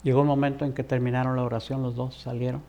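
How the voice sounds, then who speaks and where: A man's voice: medium pitch, level tone, quick pace, dark tone. A man preaching an earnest televised sermon, exhorting the viewer directly.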